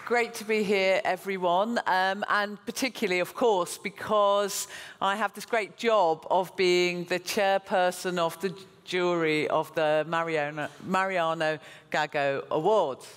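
A woman chairing an awards jury, giving a measured, enthusiastic ceremony speech. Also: fairly low pitch, fairly even intonation, clean tone, some chatter behind. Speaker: jury chairperson, museum director. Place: large conference hall. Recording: hall reverb on stage mic.

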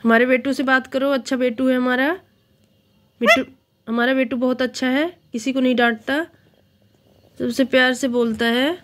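Woman with a high, light voice, coos at her pet in baby talk, keeps coaxing. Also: little pitch movement, moderate pace, long pauses, fairly bright tone, a little hiss or hum. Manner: coaxing, repeats the same question over and over. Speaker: pet owner.

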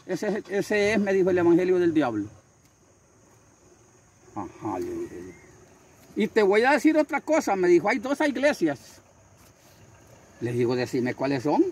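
An older man tells his story with fervor, repeating his phrases and acting out each voice. His voice is husky and high, and it leaps through a wide range. Crickets chirp faintly behind him outdoors. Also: a little mellow. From Honduras. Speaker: street preacher. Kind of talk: storytelling interview.

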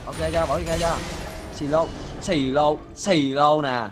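A man streaming a game, loudly teasing and shouting at his teammates. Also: on the high side, fairly even intonation, moderate pace. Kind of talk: excited gameplay commentary. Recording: game music behind.

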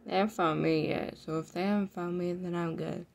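A woman just out of bed, talking softly through a game, her words mumbled and sometimes dropping to a whisper. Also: lowish voice, fairly even intonation, brisk, creaky. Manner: soft, mumbled, drifts into whispers. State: just woke up, low energy. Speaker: gaming video creator. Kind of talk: casual gameplay commentary.

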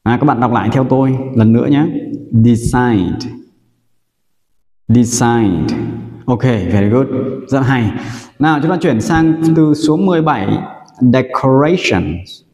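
A male English teacher from Vietnam, drilling vocabulary slowly and repeating each word for learners to echo back. He speaks at a measured, unhurried pace, and his voice rings in a roomy space with a long reverb tail. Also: medium pitch, expressive, a little mellow. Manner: slow, drills words for repetition. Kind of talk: vocabulary pronunciation lesson.

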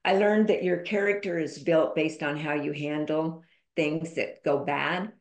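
A woman's voice: sits low, steady tone, measured pace. A woman guest on a podcast, telling a personal story in an emphatic, candid way. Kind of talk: conversational storytelling interview. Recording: roomy echo.

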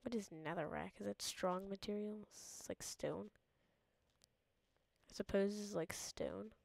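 A woman's voice: mid-range voice, unhurried, gravelly, a little mellow, no echo. A woman giving playful, jokey let's-play commentary, mock-dramatic and often dropping into a whisper. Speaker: gamer.

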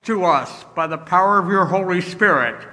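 A man leading worship as liturgist, reading prayers and scripture in a measured, solemn way from a church lectern. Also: sits high, pushed and bright. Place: large church sanctuary. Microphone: lectern microphone. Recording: distant mic, long church reverb.

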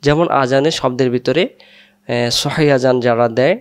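A man teaching a tajweed pronunciation lesson, explaining in quick bursts and then reciting verses slowly and drawn out, repeating syllables for drill. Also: mid-range voice, steady tone.

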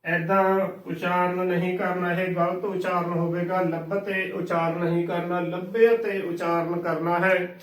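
Slow, echoey man teaching. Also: high voice, monotone, fairly bright tone, recorded from a distance. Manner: spells words letter by letter, repeats correct and wrong forms. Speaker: Gurbani pronunciation teacher. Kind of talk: slow spelling-out pronunciation lesson.

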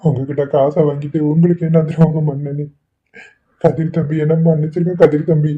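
A man plays an ailing village father in a cartoon, begging forgiveness in a slightly high, husky voice. The sound is thin and tinny, like a phone line. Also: flat delivery, fairly quick. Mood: remorseful. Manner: tearful, pleading apologies. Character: ailing remorseful village father, middle-aged. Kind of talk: Tamil cartoon voice acting.

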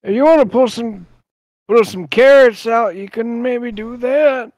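A man's voice: very high-pitched, a little slow, darkish tone, dry recording, pitched above the performer's own voice. A man putting on a mumbling deaf old gardener. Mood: mild. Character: hard-of-hearing old male gardener, mild and mumbling. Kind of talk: tabletop role-play character voice.

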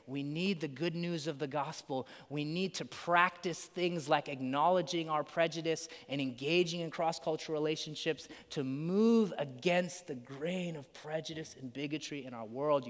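A man preaching a sermon in a casual, conversational way, peppered with "like" and "right?", acting out quotes. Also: a little high. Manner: animated, acts out quotes. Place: church sanctuary. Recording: long church hall reverb.

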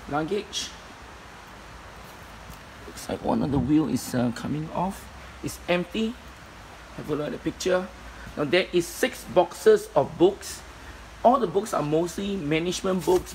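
A man's voice: a little high, darkish tone, a little hiss or hum, rough recording. A man walks through an indoor storage unit, filming on a handheld phone and listing its contents plainly, with many fillers. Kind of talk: walkthrough commentary. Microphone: phone camera held in hand.

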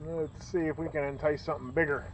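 A middle-aged man from Northeast Ohio with a local accent, chatting excitedly and joking as he films a fishing trip outdoors by a lake, recorded on a bagged camera. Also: fairly high pitch, fast, muffled recording. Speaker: fishing vlogger. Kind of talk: casual outdoor commentary. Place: lakeshore outdoors in the rain. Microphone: camera on a stand, bagged against rain. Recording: outdoor camera audio with noise.

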